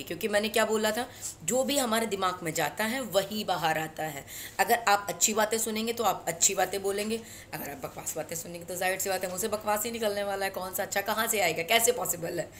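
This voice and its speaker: A woman with an Indian accent teaching a spoken English lesson, switching between Hindi and English and slowing down for English phrases. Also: mid-range voice, fairly bright tone, a little hiss or hum. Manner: mixes Hindi and English, slow deliberate English phrases.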